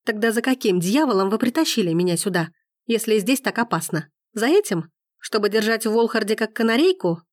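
A woman's voice: medium pitch, animated, brisk, dry recording, studio quality, close to an everyday voice. A woman reading an audiobook, voicing an enraged young woman who hurls angry accusations. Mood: furious. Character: furious young woman in period romance.

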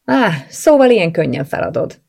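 A woman's voice: lowish voice, animated, creaky, a little mellow, husky, exaggerated voice. A woman reading an audiobook voices a caring, outspoken young woman friend who talks earnestly and coaxingly. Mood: sharp.

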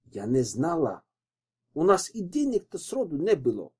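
Man reading as a scared weeping widow, shaky and pleading, lifted higher, husky soft tone, storybook audiobook. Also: wildly swooping pitch, moderate pace, full character voice. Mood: shaken. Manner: trembling, pleading. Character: frightened young widow, tearful.

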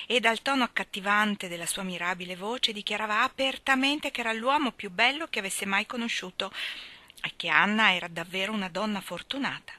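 A woman narrating an audiobook of a novel in a measured, even storytelling manner. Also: mid-range voice, no room sound. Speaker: audiobook reader.

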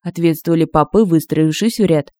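A woman's voice: deep voice, fairly quick, a little mellow, no room sound. Woman narrating a comic fantasy audiobook. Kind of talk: scripted narration of humorous fantasy. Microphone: close home-studio mic.

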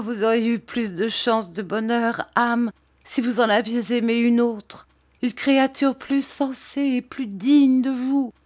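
A woman's voice: fairly high pitch, pitched above the performer's own voice. A woman voicing a tearful, remorseful young woman who pleads through sobs in an audiobook.

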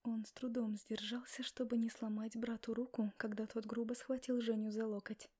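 A woman narrating an audiobook in the first person, with expressive, dramatic reading. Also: on the high side, normal speed.

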